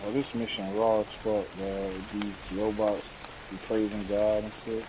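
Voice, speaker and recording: A man's voice: fairly low pitch, unhurried. Slangy young man chatting over gameplay. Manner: slangy, profane, rambling with frequent laughs. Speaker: gamer. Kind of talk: casual gameplay chat with a friend. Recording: steady rain-like background hiss.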